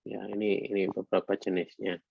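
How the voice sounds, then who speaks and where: A man lecturing to students in a halting way, with many fillers and some read-out English phrases. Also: fairly low pitch, little pitch movement, creaky, dry recording. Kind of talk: online lecture. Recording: dull lo-fi sound.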